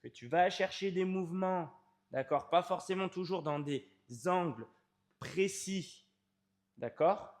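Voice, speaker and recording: A man's voice: high voice, takes it slowly. A man, a fitness coach explaining training to the viewer in an informal, emphatic way, stretching key words.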